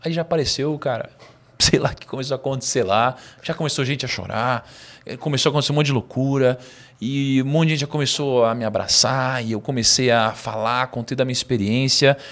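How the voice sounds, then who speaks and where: A man, a podcast guest telling a story in a lively, slangy way with laughs. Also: medium pitch, a little fast. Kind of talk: casual storytelling interview.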